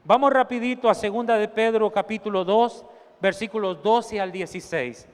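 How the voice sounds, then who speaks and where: A male pastor preaching a sermon, animated, acting out the scene and laughing at his own jokes. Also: high-pitched, normal speed. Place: church. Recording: long church hall reverb.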